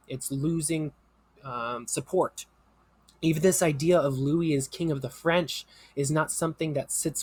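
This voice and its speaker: A man's voice: on the high side, dry recording. Conversational male history teacher. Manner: explanatory, conversational, with fillers and asides. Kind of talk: recorded history lecture.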